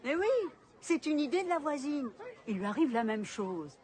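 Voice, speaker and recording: A woman's voice: high voice, lively intonation, moderate pace, a little mellow. A middle-aged actress playing a gushing, gossipy mother.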